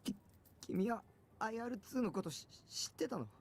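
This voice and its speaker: A man's voice: very high voice, expressive, very fast, a little mellow, a little hiss or hum. A man voicing a timid, nervous teenage boy who stammers, in an anime-style game clip. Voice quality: stammering, hesitant.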